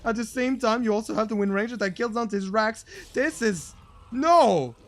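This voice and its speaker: A man casting a video game match as comedic commentary, excitable and jokey, swinging between muttered asides and shouted hype. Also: high-pitched, normal speed. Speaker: game caster.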